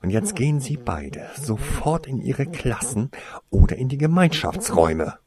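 A man doing a slow, sneering professor. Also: medium pitch, sing-song, crowd noise, voice pushed up. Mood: contemptuous. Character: stern sneering male potions professor.

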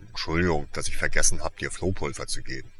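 A man voicing a huge, gruff but kindly male half-giant gamekeeper in an audiobook reading, with folksy clipped colloquial speech. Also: a bass voice, fast, fairly bright tone, a little hiss or hum, pitched below the performer's own voice, exaggerated voice. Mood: caring.

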